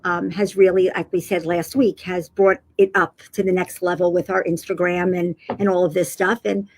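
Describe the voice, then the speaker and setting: A woman's voice: on the low side, level tone, moderate pace. Earnest middle-aged woman co-host. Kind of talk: livestream chat.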